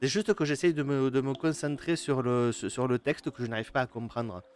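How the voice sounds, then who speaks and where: Over faint music, a man with a mid-range voice and fairly even intonation talks a little fast as he streams a game live. He's hesitant and filler-heavy with many restarts, chatting to viewers and reading game text aloud.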